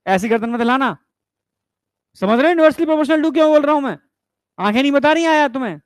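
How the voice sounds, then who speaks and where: Male biology teacher, very high voice, coaxing classroom manner, dry close recording. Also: animated, brisk, dry recording. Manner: coaxing, keeps asking if students understood; mixes English science terms into Hindi. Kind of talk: classroom lecture.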